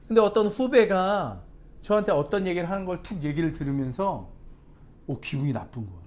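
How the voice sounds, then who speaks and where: A man's voice: on the high side, unhurried, long pauses. A male pastor preaching a sermon, telling a personal story with questions to the congregation. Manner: lively storytelling with asides to the congregation. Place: church sanctuary.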